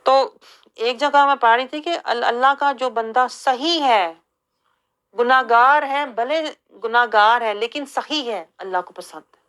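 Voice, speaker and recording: Casting woman religious teacher, Pakistani Urdu accent, earnest lecturing, a touch high-pitched. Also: a bit bright. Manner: earnest, acts out quoted complaints.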